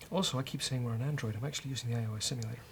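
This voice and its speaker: A man talks very fast at a medium pitch while hosting an easygoing coding session as a developer and show host. He thinks aloud, muttering hesitantly as he works, and faint background noise is present.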